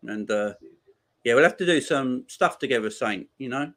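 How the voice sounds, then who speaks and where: This football livestream host, a man in his 40s, is easygoing and slangy, laughing a lot as he reads and responds to viewer comments. His voice sits at medium pitch, fairly bright, with lively intonation at a normal speed.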